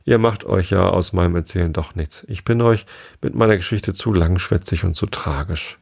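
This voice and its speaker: A man's voice: deep voice, moderate pace, gravelly, darkish tone, breathy edge, exaggerated voice. A man reading the lines of a stern, easily offended female mouse in a storybook. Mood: touchy. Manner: stern and scolding.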